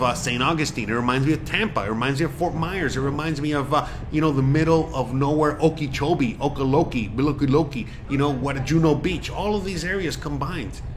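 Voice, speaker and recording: A man in his forties from Miami talks straight to his audience in a loose, rambling way, full of "you know" and restarts. His voice sits at an ordinary middle pitch, and a faint hiss of background noise lies under it. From Miami, USA. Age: 40s. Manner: rambling, filler-heavy, emphatic. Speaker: vlogger. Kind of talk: casual vlog monologue.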